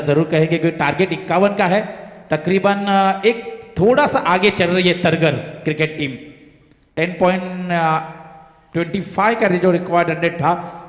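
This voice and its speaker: A man from giving live local cricket commentary in an excitable manner. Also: high voice. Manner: excited commentary, rising on boundaries. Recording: echoey PA-like sound with long reverb.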